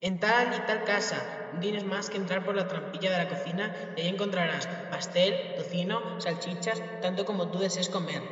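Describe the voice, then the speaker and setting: A man voicing a tiny clever boy in a storybook, bold and cheeky, often shouting in a high voice on a dull lo-fi recording. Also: moderate pace, few pauses, very echoey, long reverb tail, distant mic. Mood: lively.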